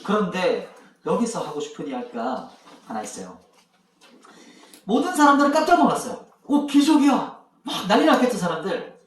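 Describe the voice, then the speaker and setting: A man's voice: high voice, sing-song, fairly quick, pauses often, a bit bright, a little hiss or hum. A male pastor telling a Bible story to children, asking them questions as he goes. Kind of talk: children's sermon. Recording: echoey room, mic far off.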